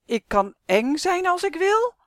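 A woman voicing a stern, proud male coat that comes alive, who moves from hushed menace to shouting. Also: extremely high pitch, big pitch swings, a little slow, no echo, studio quality, pitched above the performer's own voice, exaggerated voice. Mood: menacing.

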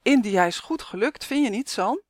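A woman's voice: on the high side, expressive, normal speed, dry recording, clean studio sound. A woman voicing a cheerful elderly grandmother in a storybook reading.

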